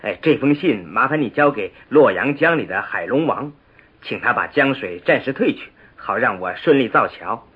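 A man voicing an earnest, determined male magistrate with a husky voice and lively, eager speech. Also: mid-range voice, normal speed. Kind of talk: storybook radio drama. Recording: muffled lo-fi recording, soft music.

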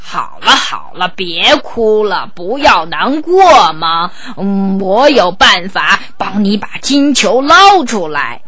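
Woman acting a slow, swooping, chubby storybook frog. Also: medium pitch, sing-song, a bit bright. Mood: soothing, coaxing. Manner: slow, coaxing, exclaiming. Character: big ugly chubby talking frog, soothing and helpful. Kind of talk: children's fairy tale dramatisation.

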